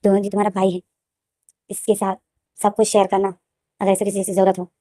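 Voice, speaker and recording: A woman's voice: mid-range voice, flat delivery, fast, warm tone, dry recording, clean studio sound, close to an everyday voice. A woman voicing a middle-aged mother, emotional and scolding by turns, in a told fan story. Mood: stern. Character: loving mother, middle-aged, tearful then stern.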